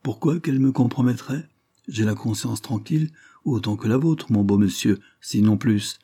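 A man's voice: lowish voice, expressive, moderate pace, warm tone, breathy edge, no echo, clean studio sound. A man voicing a sly, surly rustic caretaker who talks in a sour, defensive way.

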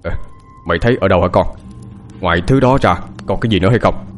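A man's voice: low-pitched, fast, soft background music, natural voice. An actor playing an irritable elderly village man who scolds and questions urgently. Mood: irritated.

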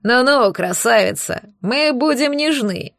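A woman's voice: on the high side, expressive, a little slow, gravelly, fairly bright tone, no room sound, clean studio sound, exaggerated voice. A woman voicing a crude, threatening male bandit who drawls and jeers. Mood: gruff.

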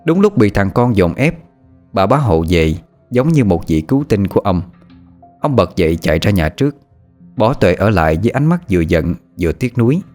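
A man narrating a rural horror story in a steady, plain reading voice. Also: fairly low pitch, normal speed, faint music behind.

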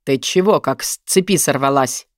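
A woman voicing a gruff, possessive young man who talks in a low, husky murmur in an audiobook. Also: moderate pace, no room sound, studio quality. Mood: brooding. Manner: pressing, intense, murmured. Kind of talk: audiobook narration.

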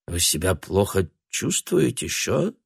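A male narrator voicing a fussy, chatty shop owner who talks in a chirpy, hurried way in an audiobook. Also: deep voice, expressive, fairly bright tone, no echo, studio quality. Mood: concerned.

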